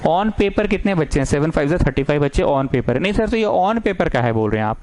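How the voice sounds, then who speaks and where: A man teaching a maths lesson, coaxing his students and repeating lines slowly as he dictates. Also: a little high, animated, a little mellow, no room sound, rough recording. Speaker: maths tutor.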